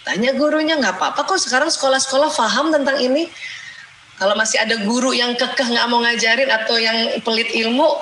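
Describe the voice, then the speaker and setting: A middle-aged woman giving a religious lecture in a lively, conversational way, acting out mothers' prayers and complaints. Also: fairly high pitch, brisk. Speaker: Islamic lecturer and doctor. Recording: roomy echo, faint background noise.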